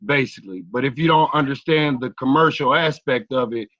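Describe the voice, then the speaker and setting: A man explaining things slowly on a group call, with halting restarts, and his line keeps cutting out. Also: mid-range voice, fairly bright tone, dry recording, lo-fi sound. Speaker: caller.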